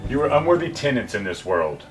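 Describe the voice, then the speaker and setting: Man acting as a silver-tongued devil salesman, lively swoops in pitch, mocking and persuasive, clear music under a film scene. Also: fairly quick, close to an everyday voice. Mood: contemptuous. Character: smooth-talking male devil posing as a salesman, scornful of humanity.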